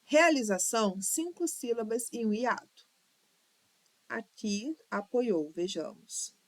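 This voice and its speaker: Brazilian woman teacher, somewhat high voice, slow and patient, close dry mic. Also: animated, dry recording. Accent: Brazilian Portuguese. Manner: patient, counts syllables aloud, drawls words to sound them out. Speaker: Portuguese teacher for exam prep. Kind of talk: online lesson walking through exam questions.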